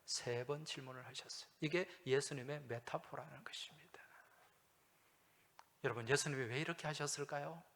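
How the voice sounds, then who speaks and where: A male pastor preaching a sermon, asking the congregation questions and answering them himself, swinging between loud emphasis and hushed asides. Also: a little high, normal speed. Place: church sanctuary. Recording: long hall reverb from a church.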